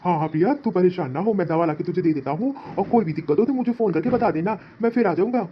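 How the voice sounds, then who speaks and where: A fast-talking, agreeable young brother, as a woman puts him on, lower than her usual voice. Lo-fi and dull with faint hiss. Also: expressive, natural voice.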